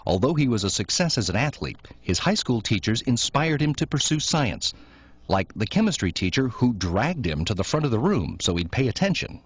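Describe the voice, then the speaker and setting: A man reading scripted documentary narration in a measured, informative way. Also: mid-range voice, big pitch swings, breathy edge, no room sound. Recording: dull lo-fi recording, dry.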